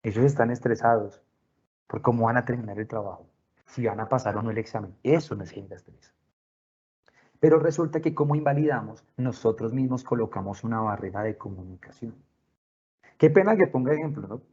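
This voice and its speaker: A man's voice: mid-range voice, fairly quick, darkish tone, slightly rough, muffled recording. A man giving a talk to parents from home, telling stories from his own life and asking questions in an earnest way. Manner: earnest, storytelling, asks questions. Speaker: parent workshop speaker. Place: at home, with pets nearby.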